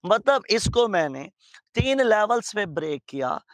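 A man's voice: high-pitched, very animated, no echo. A man teaching grammar as a lecturer, drawing out key words and asking rhetorical questions. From Pakistan. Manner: slow, drawn-out emphasis with rhetorical questions. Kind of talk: grammar lecture in Hindi-English mix. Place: teaching studio.

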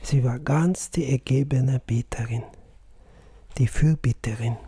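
A man narrating a literary audiobook in a slow, hushed way, sometimes sinking to a whisper, close to the mic. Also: mid-range voice, slightly rough, no room sound.

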